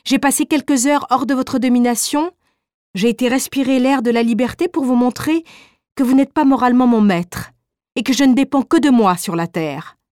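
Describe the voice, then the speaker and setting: A woman reading the part of a proud young wife who answers coldly and calmly. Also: high voice, no room sound, clean studio sound, natural voice. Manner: cold, measured, dignified. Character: proud defiant young wife, icily calm. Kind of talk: audiobook reading.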